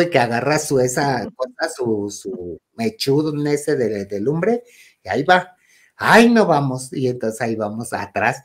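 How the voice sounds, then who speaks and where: A man with a Mexican accent tells a ghost story in a relaxed, chatty way. He talks animatedly and dips into a hushed whisper at the scary moments. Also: mid-range voice. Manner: animated, drops to a whisper at the spooky parts. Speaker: guest storyteller. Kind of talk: casual ghost story telling.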